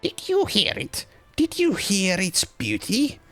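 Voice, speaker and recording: A man's voice: sits high, huge pitch swings, slow pace, sharp tone, faint music behind, pitched above the performer's own voice, full character voice. A man voicing a mad, mushroom-addled woman who shrieks frantic exclamations while reading game event text aloud. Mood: ecstatic, frantic. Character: mad shroom-addled woman, ecstatic and shrill.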